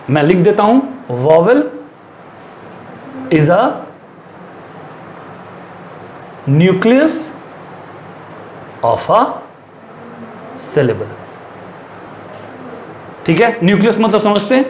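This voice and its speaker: A high-voiced man teaches a class in Hindi laced with English, repeating each rule slowly as he writes it and asking questions he answers himself. The room is echoey, with a faint hum behind him. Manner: repeats and dictates slowly while writing.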